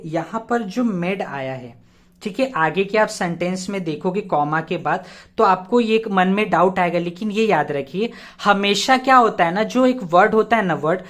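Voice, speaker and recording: Male tutor with a fairly high voice, patient and repetitive, checks in with rhetorical questions and spells words letter by letter. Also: a bit bright. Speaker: teacher. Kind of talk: grammar lesson explained step by step.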